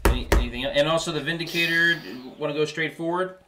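A man's voice: fairly high pitch, fast, pushed and bright. A man chatting casually as a player during a tabletop game, talking through moves.

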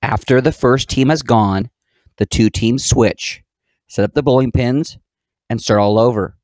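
A man hosting a physical education channel, explaining the rules of a game step by step in a clear voice-over. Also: medium pitch, measured pace, darkish tone, dry recording. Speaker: PE teacher and channel host. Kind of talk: instructional voice-over.

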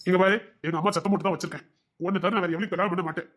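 A man's voice: sits high, steady tone, rapid-fire, fairly bright tone. A man playing a young husband who pleads with his wife and defends himself. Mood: pleading. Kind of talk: audio drama acting.

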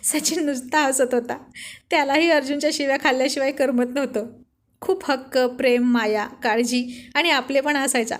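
High-voiced woman telling a story. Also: fairly even intonation, normal speed. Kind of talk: story narration.

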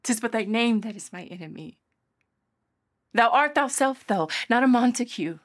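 A woman in her thirties acting a lovestruck young Juliet in classical Shakespearean stage style, theatrical, with deliberate pauses and breathy sighs. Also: on the high side, animated, lightly acted. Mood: reasoning, playful. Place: indoors, dark plain studio, filmed.

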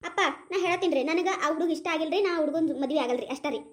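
A woman's voice: very high-pitched, racing. A woman voicing a stubborn young woman who refuses an arranged match, in a North Karnataka Kannada accent. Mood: defiant. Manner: defiant, mocking. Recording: roomy echo.

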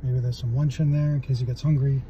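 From the driver's seat of his parked car, a man in his forties chats through a toy review at a quick pace, his voice mid-range and his talk loaded with fillers. He records on a phone camera at arm's length. The sound is dull, with slight background noise.

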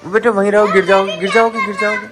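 A young man filming a casual family vlog at home, coaxing children and a pet cat in a playful, gentle way. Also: high voice, steady tone, quick pace. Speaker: vlogger filming family pets. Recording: music playing under the voice.

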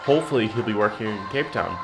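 A man in his twenties chatting casually to the camera at home, sounding tired and low-key, rambling with pauses. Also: animated, over music, poor audio. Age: 20s. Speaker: daily vlogger. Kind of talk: casual vlog chat to camera. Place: home kitchen-living room, indoors. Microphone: camera at arm's length.

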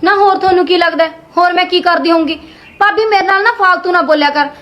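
A woman's voice: very high-pitched, steady tone, quick pace, fairly bright tone. A young woman playing a spoiled college-going daughter who snaps back at her sister-in-law and begs her father for money. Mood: snappy. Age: young adult. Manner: snappy, talks back. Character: spoiled, vain, sharp-tongued young daughter. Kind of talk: Punjabi short-film acting.

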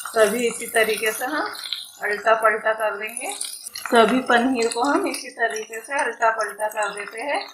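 A woman who hosts a home cooking channel, calmly explaining each step of a recipe as she cooks in her kitchen. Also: on the high side, measured pace, noisy background. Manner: calm, plain step-by-step explaining with repeated phrases. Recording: echoey kitchen with cooking sizzle. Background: frying sizzle and stirring clicks.

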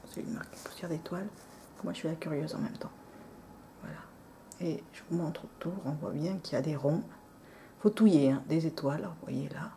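A woman casually showing off nail polish on camera, soft-spoken and apologetic, often dropping into near-whispers. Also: sits low, moderate pace, long pauses, a little hiss or hum. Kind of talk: casual show-and-tell.

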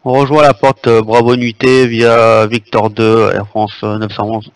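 A man's voice: lowish voice, little pitch movement, moderate pace, dry recording, low-quality recording. A man speaking as a pilot over a headset radio, giving formal procedural readbacks to air traffic control. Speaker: airline pilot in online flight simulation.

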